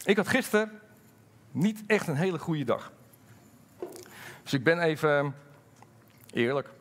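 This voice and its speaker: Middle-aged male pastor, fairly high voice, sermon delivery, candid and lively, drops low for asides. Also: a little hiss or hum. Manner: lively, swings from loud emphasis to low confiding asides; candid, halting storytelling with fillers.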